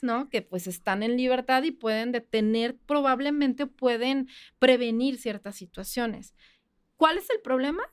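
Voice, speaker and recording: A woman with a Mexican accent, a criminologist guest on a podcast, explaining things in a chatty way with quick asides. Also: fairly high pitch, clear, resonant tone, no room sound, studio quality. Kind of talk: casual podcast interview.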